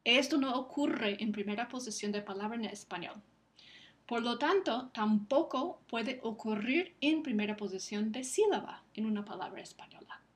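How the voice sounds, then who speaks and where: A woman delivers a recorded lecture in a slightly high voice. She explains step by step and sounds out each example word slowly and carefully. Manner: careful, slow enunciation of example words. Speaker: Spanish phonetics lecturer.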